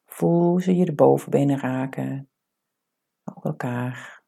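This meditation guide is a woman with a bass voice, soft and breathy. Her instructions are calm and soothing, spaced with unhurried pauses.

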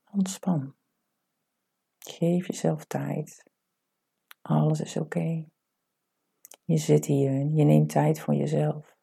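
In a guided meditation, a woman speaks in a low, soft, breathy voice. Her instructions are calm and soothing, with unhurried pauses between them.

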